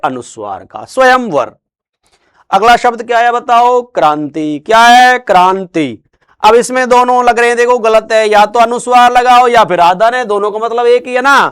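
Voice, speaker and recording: In a classroom lecture on Hindi grammar, a man poses questions and then answers them himself in a lower, quieter voice. He drags out words slowly for emphasis, and his delivery is animated and smooth throughout this call-and-response style of teaching.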